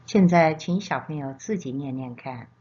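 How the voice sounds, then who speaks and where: Woman, kindergarten teacher type, lowish pitch, guiding young children through a scripted lesson; unhurried, encouraging, dull lo-fi recording. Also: animated, mellow, breathy edge. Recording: dull, lo-fi sound.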